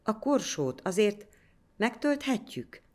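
A woman's voice: low voice, expressive. A woman voicing a bold, cheeky young shepherd boy in a storybook tale, talking eagerly. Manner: eager, breathless.

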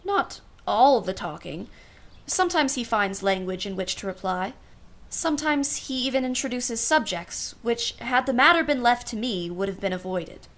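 A woman's voice: on the high side, lively intonation, moderate pace, a bit bright. A woman playing a genteel society aunt in a radio play, speaking with arch formality and dry irony. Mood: guarded, ironic. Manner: arch, formal, dryly ironic. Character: wry, genteel society aunt, privately exasperated.

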